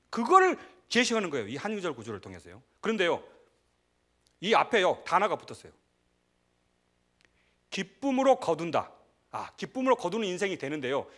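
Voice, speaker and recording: A middle-aged man preaching a sermon as pastor, conversational and animated, breaking into shouts and laughter. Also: high voice.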